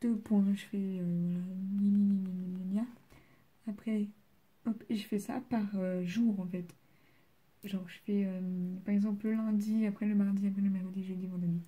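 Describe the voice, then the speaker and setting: A woman's voice: mid-range voice, fairly even intonation, moderate pace, mellow. A teenage girl from France doing homework on camera, chatting casually with many fillers and sometimes dropping to a murmur. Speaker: student vlogger. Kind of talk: casual study vlog.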